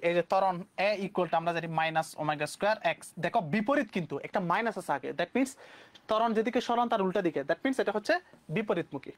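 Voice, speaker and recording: A young man from Bangladesh with a Bangladeshi Bengali accent, teaching physics exam questions briskly and mixing English terms into his speech. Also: sits high. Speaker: physics tutor. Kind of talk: exam-prep lesson.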